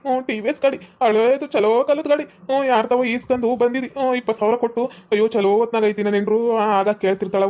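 A woman voicing a grumpy old village man with a North Karnataka accent, complaining loudly in a cartoon comedy. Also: fairly high pitch, lo-fi sound, natural voice. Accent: North Karnataka Kannada.

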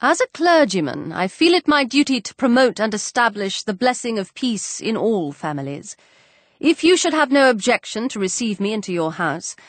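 A woman's voice: medium pitch, dry recording. A woman voicing a pompous, formal young clergyman who speaks in a stiff, wordy, fawning way.

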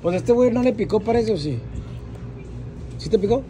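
A man's voice: high voice, expressive, normal speed, warm tone, faint music behind. A man with a Mexican accent hosting a food challenge, teasing and egging someone on in casual slang. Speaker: host filming a food challenge. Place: indoor grocery store. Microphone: phone at arm's length. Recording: busy store with crowd noise.

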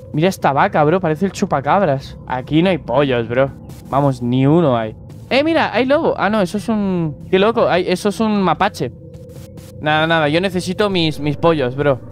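A man's voice: on the high side, expressive, moderate pace, a little hiss or hum. A young man with a Spain Spanish accent, chatting casually and joking with viewers while playing a game. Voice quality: slangy, joking, talks to viewers and animals. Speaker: gaming YouTuber. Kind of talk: casual gameplay commentary.

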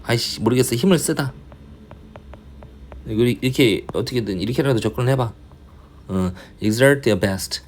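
A man tutoring English in a casual online lecture, thinking aloud, muttering mild swears and reading English lines slowly. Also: medium pitch.

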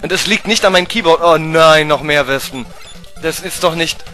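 A German-accented man playing through a game and talking the whole time, his voice bright and a touch high. He swears at the game and swings between low grumbling and yelps of panic. He sounds like he is at a home desk mic, with the game's music playing faintly underneath. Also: moderate pace. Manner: excitable, swears at the game, swings from mutters to shrieks. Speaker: let's play gamer. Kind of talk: live gameplay commentary.

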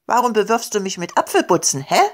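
A woman's voice: fairly low pitch, sing-song, moderate pace. A woman voicing a cheeky, fluffy sky-blue creature that makes a mess, indignant and mischievous in manner.

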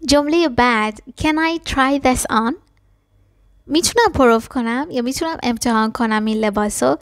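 A woman teaching a language lesson, explaining quickly and then repeating short phrases slowly and carefully. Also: on the high side, no echo, studio quality. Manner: switches between fast explanations and slow, careful repetitions. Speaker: English teacher.

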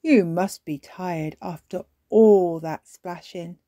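A woman's voice: fairly low pitch, slow pace, warm tone, no echo, studio quality. A woman voicing a good-natured, confident father pig in a children's storybook, with a coaxing, self-assured manner.

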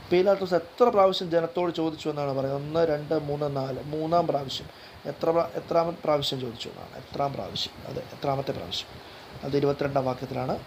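A man with a slightly raised pitch reads quiz questions one by one. He lists the options in an even rhythm and then repeats the right answer, stumbling now and then. A faint layer of noise runs under the recording. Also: creaky, rough recording. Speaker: quiz guide reader.

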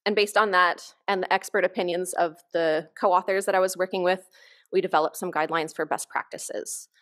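A woman researcher giving a conference keynote from a lectern, explaining her work in an enthusiastic, informal way. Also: on the low side. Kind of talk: conference presentation. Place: conference hall stage, at a lectern.

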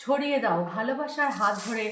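Brief: woman food vlogger, friendly chatter to viewers, fairly high voice, echoey home room with faint hiss. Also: quick pace, a bit bright. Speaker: cooking and food vlog host. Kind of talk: casual chat to viewers.

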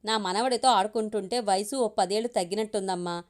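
A woman's voice: medium pitch, a little fast, lightly acted. A woman reading as a kindly old grandfather. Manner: benign, blessing.

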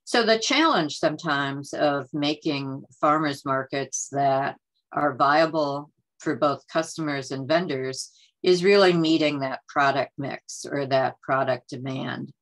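A woman's voice: low-pitched, measured pace, poor audio. A woman presenting a farmers market workshop over a video call, talking in a conversational, earnest way with many "uh"s and "um"s. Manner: frequent fillers, conversational and earnest. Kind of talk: presenting slides in a webinar. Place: home or office on a video call. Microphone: computer mic on a video call.

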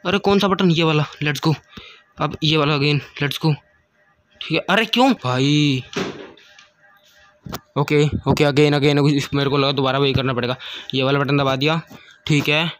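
Brief: man, let's-play host, fairly high voice, excitable, code-switches, pleads and yelps when losing, home mic. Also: normal speed, pauses often, dry recording, soft background music. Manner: excitable, mixes Hindi with English words; yelps and pleads in frustration during fights. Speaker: gaming channel host. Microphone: home computer mic with screen recorder.

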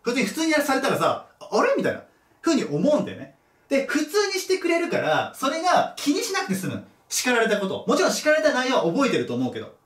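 A man's voice: very high voice, wildly swooping pitch, fast talker, a bit bright. A male teacher giving a casual lecture, thinking aloud and correcting himself as he goes. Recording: echoey room, mic at a distance.

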